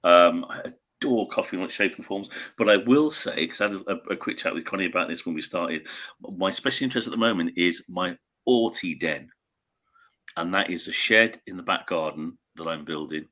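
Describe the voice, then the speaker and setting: This co-host is a man in his 50s, late fifties, chatting casually on a video call through a webcam from a small indoor home room or shed. He speaks low and fairly quick, with a pushed, bright sound, rambling and cutting himself off as he wanders into tangents.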